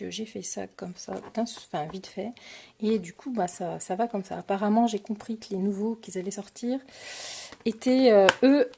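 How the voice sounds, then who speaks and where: A woman's voice: medium pitch, darkish tone, slight background noise. A French woman casually showing her craft supply purchases on camera, talking with many hesitations and fillers. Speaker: crafting vlogger. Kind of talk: casual product haul.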